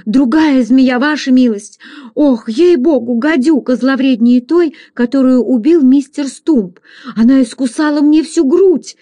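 A woman's voice: sits high, a little slow, warm tone, no room sound, pitched above the performer's own voice. A woman reading aloud, voicing a panicked, superstitious Irish servant man who wails and pleads frantically. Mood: frantic, wailing.

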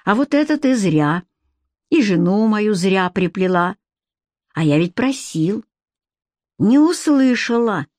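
A woman's voice: mid-range voice, lively intonation, slow pace, pauses often, a little mellow, no room sound. Woman voicing a bossy middle-aged man, mocking and lecturing, audiobook character, dry close sound. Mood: condescending. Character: domineering middle-aged male TV boss.

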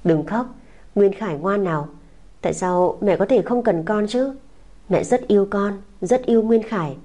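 A woman voicing a young mother who soothes a crying child in a soft, coaxing, tender way. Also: mid-range voice, moderate pace, lightly acted. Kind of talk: audiobook character voice.

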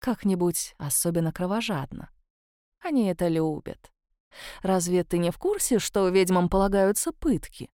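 A woman voicing a sardonic female ghost of a dead woman, speaking low and mocking, in an audiobook. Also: animated, moderate pace, dark tone, no room sound, clean studio sound, close to an everyday voice. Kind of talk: audiobook character voice.

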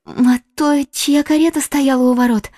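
An actress in an audiobook voicing a tender, fragile young woman who speaks softly and breathily. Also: high-pitched, fairly even intonation, normal speed, no echo, studio quality, close to an everyday voice. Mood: earnest. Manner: soft, breathy, fading. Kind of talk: audiobook character voice.

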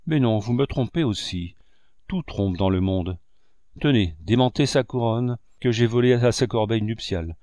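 A man's voice: on the low side, normal speed, a little mellow, no echo, clean studio sound, lightly acted. A man reading the part of a jealous, despairing young lover in an audiobook, impassioned and accusing.

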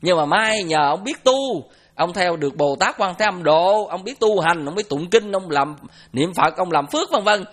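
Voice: medium pitch, lively intonation, normal speed, lightly acted. Teacher doing a wronged son getting payback on his dad, southern vietnamese accent, grudging tone. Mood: aggrieved. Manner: aggrieved, grudging. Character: wronged son taking revenge, then sparing his father.

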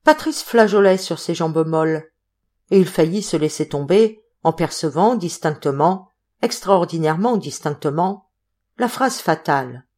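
Female audiobook narrator, lower voice, steady and expressive. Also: a little slow. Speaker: audiobook reader.

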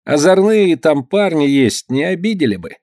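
A man voicing a timid, reluctant male servant who talks hesitantly and slowly in an old-time storybook tale. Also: fairly high pitch, sing-song, a little mellow, no echo, studio quality, voice pushed up. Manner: hesitant, slow, drawn-out.

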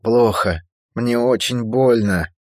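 A man's voice: lowish voice, expressive, slow, no room sound, clean studio sound, voice pushed up, heavily acted. A man doing a frightened, pleading young girl. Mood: pained, frightened.

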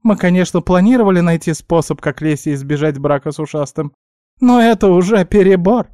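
A squeaky, fussy little guinea pig lady, as a man puts her on, loud and quick to scold. Her voice sits far above a grown man's and stays dark and dry, like a storybook pet with a big temper. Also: animated, no echo. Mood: exasperated. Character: bossy shrill female magic guinea pig familiar. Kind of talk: audiobook character voice.

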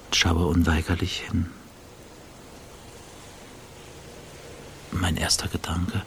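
An actor delivers a radio play monologue as a self-doubting, bitterly cynical journalist, his deep male voice husky and breathy and often sinking toward a whisper. The mood is bleak and detached, with a little hiss or hum in the recording.

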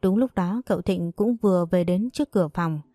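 A woman narrating an audio novel in an even storytelling manner. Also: lowish voice, fairly quick, dry recording, studio quality.

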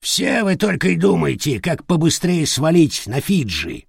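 Man doing a raspy cheeky parrot. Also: on the high side, big pitch swings, measured pace, no echo, studio quality, pitched above the performer's own voice, heavily acted. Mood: smug. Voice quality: creaky, grating. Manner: mocking, smug. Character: sarcastic teasing male parrot, raspy and cheeky. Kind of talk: audiobook character voice.

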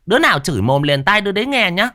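A man voicing a crude, greedy middle-aged woman who speaks in a shrill, brash falsetto in a ghost story. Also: sing-song, unhurried, pushed and bright, no echo, studio quality, full character voice. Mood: gloating.

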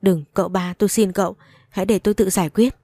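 A woman's voice: mid-range voice, steady tone, fast, dark tone, dry recording, studio quality, lightly acted. A woman voicing a frightened young wife who pleads and begs. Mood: pleading.

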